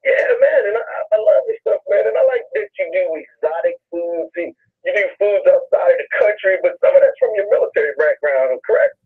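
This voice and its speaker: A man's voice: high-pitched, huge pitch swings, fairly quick, husky. A man from the American South, a talkative radio host heard over a phone on speakerphone, with hyped DJ patter. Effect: heard through a phone on speakerphone. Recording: tinny speakerphone line.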